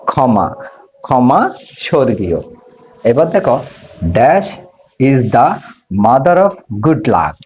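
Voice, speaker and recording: A man teaching an English grammar lesson, asking questions and answering them himself, slowing down to spell out English words. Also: medium pitch, darkish tone, slight background noise. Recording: slightly dull lo-fi audio.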